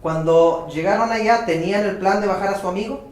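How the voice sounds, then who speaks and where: A man interpreting a sermon live, talking quickly and restarting phrases as he goes. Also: sits high. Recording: very echoey church hall.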